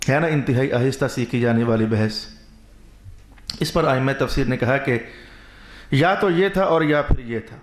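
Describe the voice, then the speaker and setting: A man's voice: mid-range voice, long pauses, roomy sound. A man preaching a sermon in a Pakistani Urdu accent, stacking short repeated phrases and asking rhetorical questions before he answers them. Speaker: Islamic preacher.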